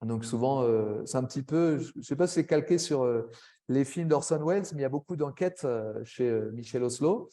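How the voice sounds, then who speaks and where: A man giving a webinar presentation to language teachers, chatty, with frequent tag words and quick asides. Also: mid-range voice, mellow. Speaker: French language teacher trainer.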